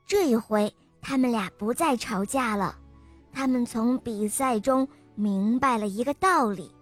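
A woman narrating a bedtime story for children in a gentle manner, speaking directly to the little listeners. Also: a little high, a little slow, faint music behind.

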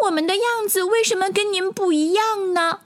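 A woman voicing a chorus of eager little tadpole children in a storybook, with high, pleading, sing-song calls. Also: moderate pace.

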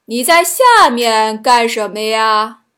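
A woman voicing a big male tiger who is gullible and quick to anger, in a children's storybook reading, speaking his lines loudly. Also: high-pitched, lively intonation.

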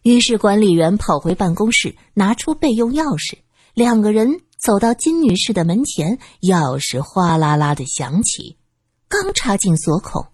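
A woman narrating a serialized story in an expressive, lively manner. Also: medium pitch, breathy edge, dry recording, studio quality.

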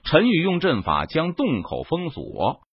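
Male audiobook narrator, dramatic storytelling, husky voice, dry muffled lo-fi sound. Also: fairly high pitch, huge pitch swings, measured pace, no echo.

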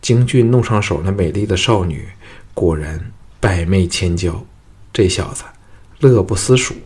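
Audiobook narrator, male, low and slightly husky, steady storytelling delivery. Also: measured pace.

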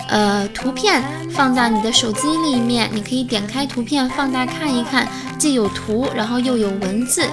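A woman with an explains English vocabulary in a relaxed, patient way, stretching out example words. Her voice sits a little high. Music plays clearly beneath her. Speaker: English teacher. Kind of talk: casual spoken lesson.

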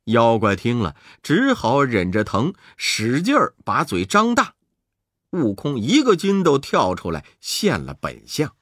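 A man narrating a children's story in a slow, expressive storytelling manner. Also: medium pitch, no echo, clean studio sound.

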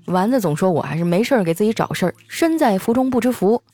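Animated woman telling comic stories. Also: mid-range voice, fast talker, dry recording, soft background music. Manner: animated storytelling, acting out quoted lines in raised voices. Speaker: comedy radio host. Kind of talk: scripted comic monologue.

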